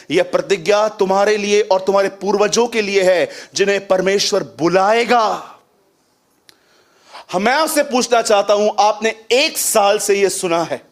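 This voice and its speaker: A man preaching a sermon, often questioning the congregation and quoting scripture with emphasis. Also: high voice.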